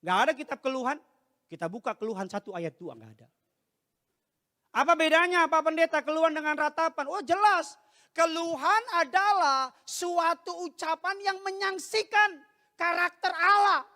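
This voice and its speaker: A man delivering a lively sermon in a bright, high voice that rings with long hall reverb. He jokes with the congregation and breaks into sudden shouted lines. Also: normal speed. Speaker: pastor.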